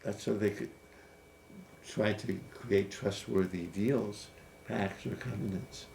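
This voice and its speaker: A man's voice: lowish voice, steady tone, slow, creaky, darkish tone. A man in his fifties hosting a casual, playful chat about scripture, musing aloud and laughing easily. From United States. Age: 50s. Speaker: host. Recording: faint background noise.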